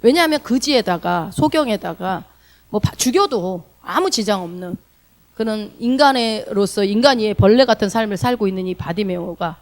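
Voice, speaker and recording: Animated woman preaching a sermon. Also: mid-range voice. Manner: animated, acts out quoted voices and asks the congregation questions. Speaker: pastor.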